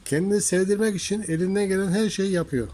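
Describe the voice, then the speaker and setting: A man's voice: fairly even intonation, quick pace, warm tone. A man at home talking affectionately to his cats in playful baby talk, now and then speaking indignantly about people who harm animals. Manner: affectionate baby talk to cats, rising to high teasing tones. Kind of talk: casual talk to pets and viewers. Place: home workshop with cats around.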